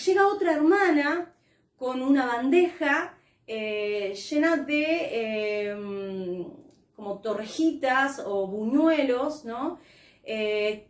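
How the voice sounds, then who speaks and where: A woman's voice: high-pitched, darkish tone, echoey room. A woman pastor with an Argentine Spanish accent, telling a personal testimony in a sermon, heartfelt, with many fillers and restarts.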